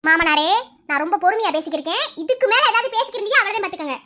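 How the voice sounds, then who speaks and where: Voiced by a performer, a defiant young cartoon daughter-in-law argues back in a Madurai Tamil accent. Her voice is very high and bright, and she talks fast. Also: animated, full character voice. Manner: defiant, pleading questions. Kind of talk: cartoon voice acting.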